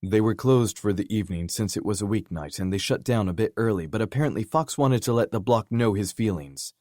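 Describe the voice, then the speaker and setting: A man narrates a romance novel in a very deep, measured voice. The recording is dry and close-miked, with no room sound. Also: expressive, darkish tone, no room sound. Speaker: audiobook narrator. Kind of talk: scripted narration.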